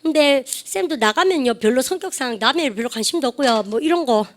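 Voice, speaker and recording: A woman teaching English in a classroom who drills phrases and has students repeat them. She says her model sentences slowly and draws them out. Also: high voice, expressive. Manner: slow, drawn-out model sentences. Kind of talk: classroom lecture.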